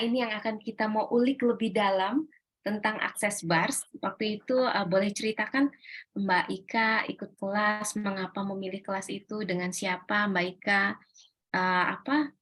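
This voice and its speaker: Woman host, calm interview guide, slightly breathy voice. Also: mid-range voice, normal speed. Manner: calm, encouraging, frequent listening murmurs. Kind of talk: hosting an interview.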